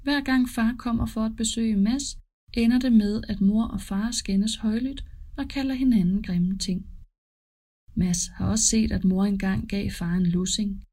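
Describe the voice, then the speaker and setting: A woman reading a children's story aloud in a calm, even storytelling manner. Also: mid-range voice. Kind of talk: scripted story narration.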